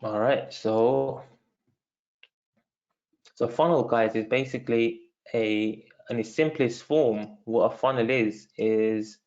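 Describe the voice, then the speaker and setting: A man with a medium-pitched, steady, slightly mellow voice takes his time as he presents a live online marketing webinar focused on sales. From London and speaking with a London accent, he keeps it casual, leans on fillers, and calls his viewers "guys." The audio is dull.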